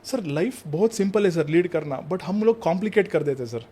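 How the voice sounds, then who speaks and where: A man's voice: high-pitched, lively intonation, fairly quick, warm tone, breathy edge. Earnest man, numerologist, saying sir constantly. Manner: addresses the host as sir in nearly every sentence; mixes Hindi with English phrases. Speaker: numerologist and vastu consultant. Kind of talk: earnest anecdotal storytelling.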